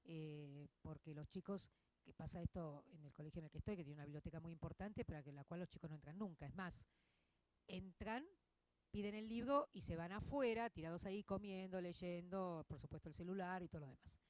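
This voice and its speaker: A woman in her fifties with an Argentine accent, a literature teacher giving a conversational talk to an audience, expressive and full of tag questions. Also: on the low side, a little fast, no room sound. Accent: Argentine Spanish.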